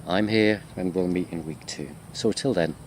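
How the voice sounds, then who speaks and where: Speaking at normal speed in a low-pitched voice, a university lecturer walks and talks with his students on an informal video chat. He meanders in a chatty, self-deprecating way, with faint crickets and insects behind him like an outdoor recording.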